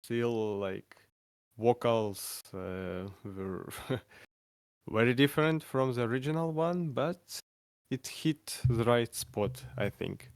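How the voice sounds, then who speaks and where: Guest: man, Ukrainian accent, slow and halting, dry close sound. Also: medium pitch, smooth, no room sound. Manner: hesitant, halting, laughs often. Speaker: guest vocalist. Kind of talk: casual chat on a stream.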